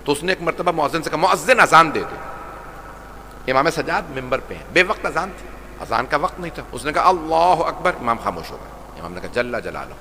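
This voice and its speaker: Pakistani male preacher, bright forceful voice, dramatic sermon storytelling, long hall reverb with faint noise behind. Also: fairly high pitch, lively intonation. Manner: impassioned storytelling, swings between shouting and hushed retelling.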